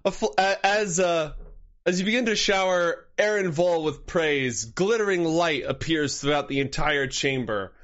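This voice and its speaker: A man's voice: on the high side, unhurried, fairly bright tone, muffled recording. A man narrating a tabletop game as game master, mixing storytelling with casual instructions to players.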